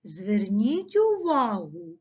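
Slow, lively-voiced woman teacher. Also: mid-range voice, husky, muffled recording. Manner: slow, carefully articulated dictation to children. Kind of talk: classroom lesson.

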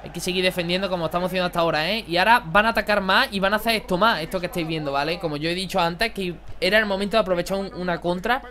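A young man, excitably commentating his own football video game match for viewers. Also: high voice, rapid-fire, hardly any pauses, a little hiss or hum. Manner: excitable, exclaiming, chatty. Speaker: gaming youtuber. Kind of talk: live gameplay commentary.

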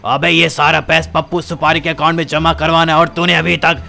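A man's voice: fairly high pitch, level tone, fairly quick, vocal fry, pushed and bright, full character voice. A man voicing an angry male gangster boss who scolds and threatens his men. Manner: barking, scolding.

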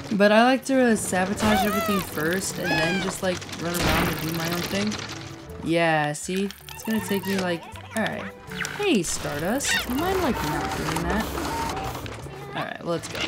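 A woman hosting a let's play, chatting casually and thinking out loud as she plays. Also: on the low side, lively intonation, a little slow. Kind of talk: casual gameplay commentary. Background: loud game music.

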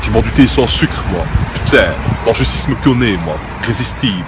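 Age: young adult. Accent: Brussels. Figure: a man playing a loud nasal Brussels street thug. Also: on the low side, lively intonation, moderate pace, noisy background, pitched below the performer's own voice, lightly acted. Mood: boastful. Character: brash swaggering young male street thug.

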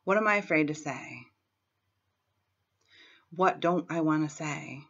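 Recording a self-help vlog from a small room at home, a woman in her thirties leads guided tapping via her laptop webcam, speaking frankly despite a hoarse head-cold voice and throat-clearing. She's deep-voiced, animated, a bit bright and a little slow; the audio is dull and lo-fi.

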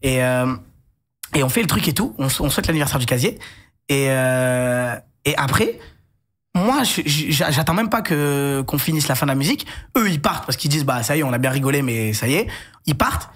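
A young man telling a long personal story in a casual chat as a guest, rushing through anecdotes with frequent restarts and asides. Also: medium pitch. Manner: rapid animated storytelling with many restarts and asides.

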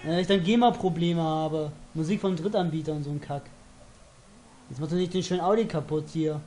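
A man in casual let's-play chat, joking and teasing as he plays. His voice sits a little high and mellow, with faint noise in the recording. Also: a little fast. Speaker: host of a gaming channel.

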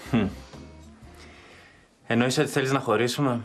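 A man's voice: mid-range voice, steady tone, faint music behind, close to an everyday voice. Actor as a dumped young man, downcast and pleading, echoey room. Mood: dejected. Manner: dejected, pleading. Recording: roomy echo.

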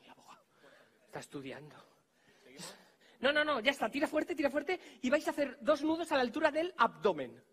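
Spanish-accented male stage magician, jokey and bossy with volunteers, animated pitch, sharp bright voice, theater stage mic. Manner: bantering, teasing volunteers, giving quick orders. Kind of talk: live stage comedy magic act.

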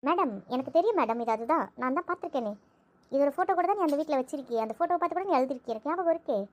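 Gossipy young woman, high voice, rapid chatter played by a woman. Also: expressive, muffled recording. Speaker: voice actor in audio drama. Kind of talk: amateur audio drama acting.

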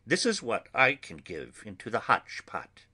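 A man reading an audiobook, voicing an anguished, earnest young woman who pleads solemnly and slowly with her friends. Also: lowish voice, wildly swooping pitch, pushed and bright, slightly rough, heavily acted. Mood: solemn pleading. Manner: solemn, slow, pleading delivery.

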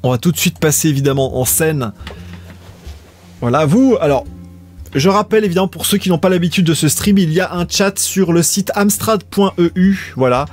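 A man's voice: on the high side, moderate pace, a little mellow, faint music behind. Laid-back man streaming retro games. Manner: laid-back, rambling, chatting with viewers. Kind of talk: casual live-stream chat.

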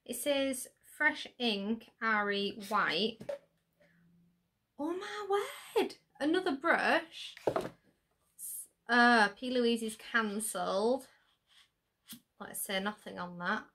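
A woman with a slightly hoarse voice, chatting casually and giggling excitedly as she unboxes makeup for her channel. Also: on the high side. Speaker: beauty vlogger.

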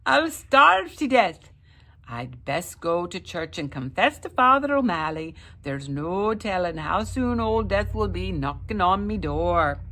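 A woman's voice: high voice, huge pitch swings, a little slow, a bit bright, slightly rough, voice pushed up, heavily acted. A woman voicing a lazy, self-pitying Irish peasant man who whines, with an Irish accent. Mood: wailing.

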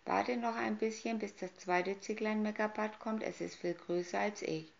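A woman voicing the smallest young goat, timid and pleading in a weak, high little voice, in a storybook reading on a dull lo-fi recording. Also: steady tone, normal speed, gravelly, natural voice.

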